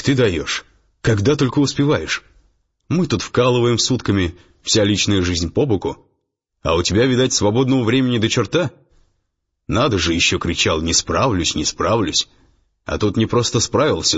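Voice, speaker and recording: A man's voice: lowish voice, animated, moderate pace, husky. A man voicing a jovial male business partner who ribs a friend in a hearty, teasing way. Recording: dull lo-fi audiobook, faint music.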